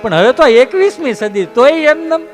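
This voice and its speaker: A man's voice: very high voice, lively intonation, normal speed, soft background music. A man telling a comic folk story to a live audience, chatty and often addressing the listeners as sir. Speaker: comedian.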